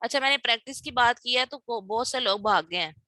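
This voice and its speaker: A woman's voice: fairly high pitch, fast talker, bright, forceful tone, dry recording. A woman teaching an online class, mixing Hindi-Urdu with English, patient and repeating herself, heard over a video call. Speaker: instructor. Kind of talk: online class lecture with role-play practice.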